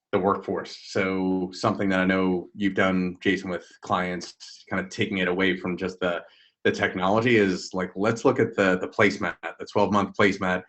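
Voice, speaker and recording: A man with a very low voice co-hosts a live webinar. He explains ideas in a measured, thoughtful way over a video call. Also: fairly bright tone. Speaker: webinar co-host.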